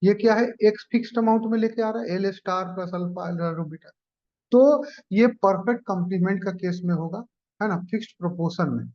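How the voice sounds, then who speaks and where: A man teaching exam-prep economics math, explaining each step and checking in with students. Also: high voice. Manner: explains step by step, often asks "clear?" and "ठीक है". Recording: dull lo-fi recording.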